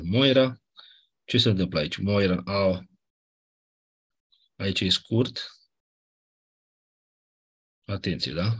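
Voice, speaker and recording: Husky-voiced male teacher explaining grammar. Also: on the low side, fairly bright tone. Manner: patient explaining, frequent checks like "da?"; clears throat often. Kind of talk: classroom lecture on Ancient Greek grammar.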